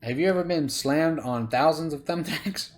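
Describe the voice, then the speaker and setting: A middle-aged man with a fairly high voice and moderate pace hosts while watching wrestling footage with his son. He chats casually and teases him, laughing easily.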